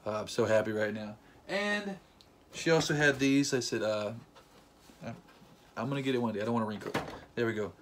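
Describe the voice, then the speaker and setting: This is a young vlogger addressing the camera casually, quick with a joke and expressive throughout. He speaks at a typical mid pitch, performing brief quoted lines while retelling events, with a faint hiss or hum in the background.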